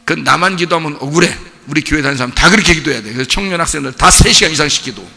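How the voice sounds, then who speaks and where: Lively, bright-voiced preaching man. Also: on the high side, racing, gravelly, big-room sound. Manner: animated, bursts into shouts, chuckles; blunt casual banter with the congregation. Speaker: pastor. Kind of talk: sermon. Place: church sanctuary.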